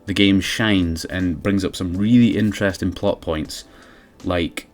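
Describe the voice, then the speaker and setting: A man's voice: low-pitched, steady tone, a little slow. A man giving casual, sardonic, sweary comedic commentary as a video game reviewer.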